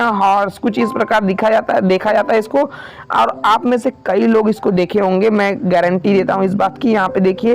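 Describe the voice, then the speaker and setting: A man's voice: high voice, creaky, rough recording. A man teaching an online vocabulary lesson, saying each word twice and asking his viewers to repeat it back.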